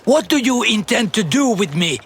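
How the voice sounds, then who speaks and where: Shrill young horned creature. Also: male voice, very animated, moderate pace, a bit bright, a little hiss or hum, full character voice. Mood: outraged. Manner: high, strained outbursts. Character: young horned Boryot man, rash and defiant.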